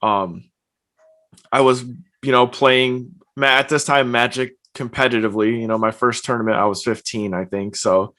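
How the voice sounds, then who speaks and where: A young man talks as a podcast guest, easygoing and full of verbal fillers. His voice is mid-pitched and even, and he tells his stories at a loose, unhurried pace. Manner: relaxed, chatty, uses lots of fillers like "like". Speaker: podcast guest, streamer and personal trainer. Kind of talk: casual interview chat. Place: home, evening.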